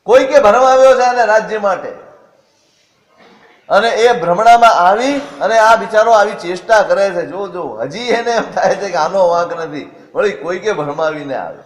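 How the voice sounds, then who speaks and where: A man's voice: high voice, moderate pace. A man telling a religious story as a sermon, asking questions and answering them himself. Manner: expressive, asks and answers his own questions. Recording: echoey hall.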